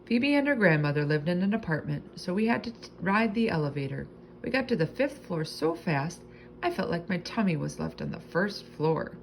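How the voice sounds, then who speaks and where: This storybook reader has a somewhat low, noticeably fried voice and a sing-song, expressive style that lingers on key words. She moves at a moderate pace. The audio quality is poor, with faint noise throughout.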